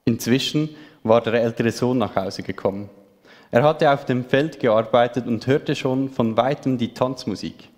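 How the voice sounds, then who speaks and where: A man's voice: medium pitch, normal speed, darkish tone. A man reading a Bible passage aloud expressively, giving the characters their own voices. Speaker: scripture reader. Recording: long hall reverb.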